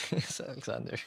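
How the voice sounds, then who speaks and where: A man's voice: medium pitch, gravelly, bright, forceful tone, breathy edge, dry recording, clean studio sound. A young man chatting casually on a live stream, rambling, laughing often and swearing offhandedly.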